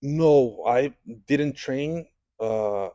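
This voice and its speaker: A man from Brazil, a jiu-jitsu instructor answering interview questions in a podcast studio, speaking haltingly with many restarts and fillers. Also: mid-range voice, dark tone, no echo.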